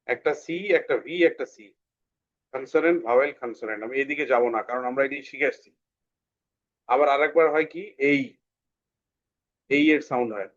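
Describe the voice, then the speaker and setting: Male teacher, patient, repeats words slowly for kids; muffled lo-fi online class sound. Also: medium pitch. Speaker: English teacher. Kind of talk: teaching pronunciation to children.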